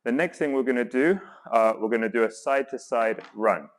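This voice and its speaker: A man's voice: medium pitch, fairly quick. Male workout coach, encouraging and instructional. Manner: encouraging, reassuring coaching with counts. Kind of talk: guided exercise instruction. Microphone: worn mic while exercising.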